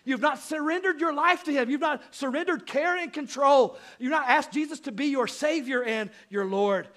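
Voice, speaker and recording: A male pastor giving an earnest sermon, rising to loud appeals and dropping to hushed asides. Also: extremely high pitch, normal speed.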